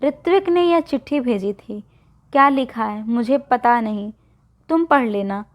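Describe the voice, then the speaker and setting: A woman's voice: a little high, a little slow, lightly acted. A woman storyteller voicing a young woman's close friend who talks in an insistent, coaxing way. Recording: dull lo-fi recording.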